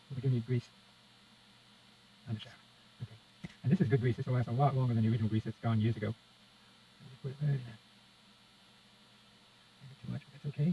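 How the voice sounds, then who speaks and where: In a radio repair how-to, a medium-pitched man works at an indoor workbench and mutters casual, step-by-step commentary to himself and whoever is watching. The recording is dull and lo-fi, carrying faint noise.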